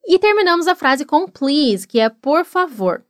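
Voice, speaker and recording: A woman's voice: sits high, very animated, no echo, clean studio sound. Encouraging Brazilian woman teaching English. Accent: Brazilian Portuguese. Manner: encouraging, slow model repetitions. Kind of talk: English lesson for Portuguese speakers.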